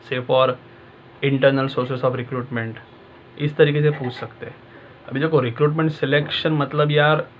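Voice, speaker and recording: A man's voice: mid-range voice, muffled recording, a little hiss or hum. A male exam-prep tutor talking casually and directly to his students, in a conversational coaching manner.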